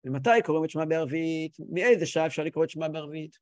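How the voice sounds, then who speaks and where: A man's voice: on the high side, flat delivery, a little mellow, no echo, pitched below the performer's own voice, close to an everyday voice. A man voicing a learned scholarly rabbi who reads aloud and translates in a curt manner. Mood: reading.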